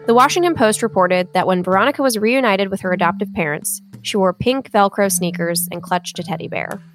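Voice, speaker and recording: A woman co-hosting a podcast with a gravelly, fry-edged voice, moving between scripted narration and casual banter. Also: mid-range voice, brisk, faint music behind. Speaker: podcast co-host.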